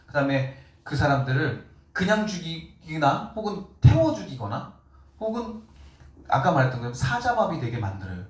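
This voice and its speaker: A man preaching a sermon as pastor, talking in a casual, animated way and acting out quotes with short laughs. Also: medium pitch. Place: church sanctuary. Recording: echoey room, voice from far off mic.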